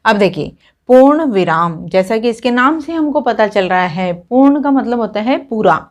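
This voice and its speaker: A woman teacher giving a grammar lesson, explaining each point step by step with a recurring stock opener. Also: medium pitch.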